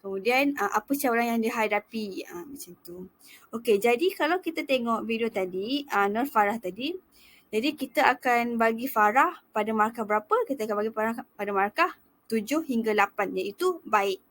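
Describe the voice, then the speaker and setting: A young woman student teacher talks through a lesson in a relaxed, chatty way. Her voice sits a little high, and she often pauses briefly to begin a point again before carrying on. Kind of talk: casual explanatory lecture.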